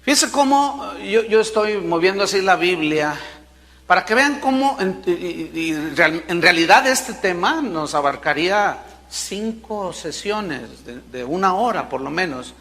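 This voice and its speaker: A man preaching a sermon, emphatic, with dramatic pauses and sudden loud bursts. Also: high voice, lively intonation, long reverb tail. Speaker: pastor.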